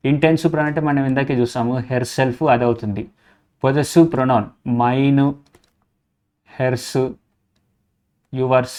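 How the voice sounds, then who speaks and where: A man tutors students through exam grammar questions. He reads each English sentence out slowly and carefully, then breaks it down in Telugu. He thinks aloud and restarts often, marking each step with an "okay". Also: medium pitch, darkish tone. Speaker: teacher.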